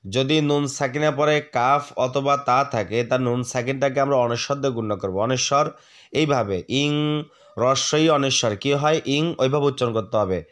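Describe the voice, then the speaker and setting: A man teaching the rules of Quran recitation, patiently spelling out each letter, asking the viewer questions and reciting words slowly for them to repeat. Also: medium pitch. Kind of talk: tajweed lesson, spelling out letters and drawn-out recitation.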